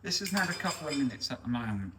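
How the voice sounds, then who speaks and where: A man's voice: medium pitch, quick pace, distant mic. A middle-aged man with a Norfolk accent chats easily through a cooking demonstration and explains each step as he works. His voice sounds roomy and set a little away from the mic, with a faint hiss of background noise behind it. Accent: Norfolk English. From North Norfolk, England. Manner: chatty, relaxed, explains as he goes. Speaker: chef and host. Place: outdoors on salt marshes, then a home kitchen.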